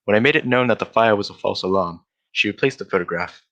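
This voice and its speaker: An actor playing a shrewd, confident gentleman detective in old-style radio drama, politely explaining himself in an assured manner. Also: lowish voice, fast. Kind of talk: 1940s radio drama acting.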